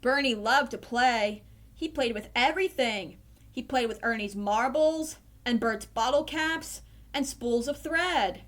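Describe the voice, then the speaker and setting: A woman reading a children's storybook aloud in a slow, clear storytelling manner. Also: a little high. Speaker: storybook reader.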